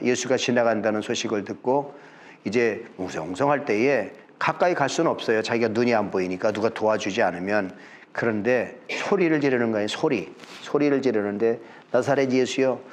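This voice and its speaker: A man preaching a Sunday sermon as pastor, fervent and repetitive, acting out short quoted exchanges from scripture. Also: mid-range voice.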